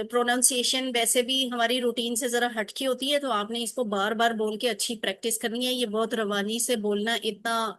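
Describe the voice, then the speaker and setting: Woman, online teacher, high voice, bright tone, encouraging, asks many questions. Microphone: video call.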